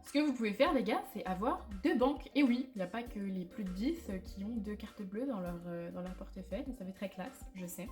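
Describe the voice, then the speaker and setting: Young woman vlogger, chatty and candid, mid-pitched voice, faint music underneath. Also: lively intonation, brisk, hardly any pauses, a little mellow. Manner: chatty, candid, self-mocking, many fillers. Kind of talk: casual chat to camera. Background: faint background music.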